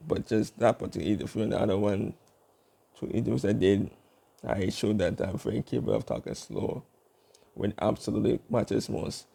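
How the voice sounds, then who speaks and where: A young man talking to camera in a casual vlog, rambling with fillers and restarts as he tries to keep his speech slow. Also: lowish voice, vocal fry, dark tone. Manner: working to speak slowly and deliberately. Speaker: YouTube vlogger.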